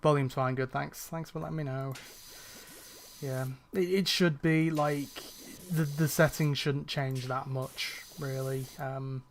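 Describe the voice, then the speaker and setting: This young man is live-streaming a cleaning game, talking casually to viewers in a rambling way full of fillers and restarts, and he seems a bit tired. His medium-pitched voice is unhurried with fairly even intonation. There's slight background noise.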